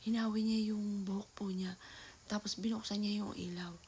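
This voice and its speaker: A middle-aged woman telling a vlog story at home, often half-whispering and now and then bursting into loud calls. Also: mid-range voice, steady tone, moderate pace, husky. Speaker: vlogger. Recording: noisy home ambience.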